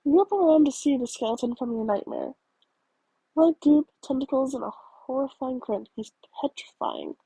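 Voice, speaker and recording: A woman's voice: high-pitched, moderate pace, mellow, breathy edge, no room sound, low-quality recording. A woman narrating a reader-insert fan story aloud, reading in second person with small stumbles and self-corrections.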